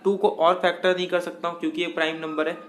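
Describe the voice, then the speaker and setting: High-voiced man teaching math. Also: little pitch movement, fast talker, a bit bright. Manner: explains step by step, asks and answers own questions; mixes English math terms into Hindi. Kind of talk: classroom lecture.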